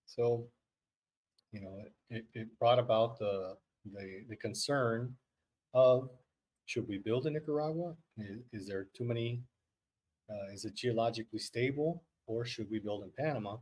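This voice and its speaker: A man's voice: mid-range voice, normal speed, a little mellow. A man co-hosting a casual livestream podcast, telling history in a rambling, joking way. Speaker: podcast co-host.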